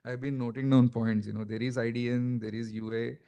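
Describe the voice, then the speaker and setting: A man's voice: mid-range voice, flat delivery, fairly quick, gravelly, warm tone, clean tone. A man with a South Indian accent speaking as a panelist at a conference, explaining in a conversational way with many "you know" fillers.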